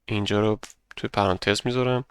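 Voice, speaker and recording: A young man teaching an English grammar lesson, explaining patiently step by step and saying example sentences slowly for students to repeat. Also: fairly low pitch, fairly even intonation, smooth, no echo. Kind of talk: grammar lesson narration over slides.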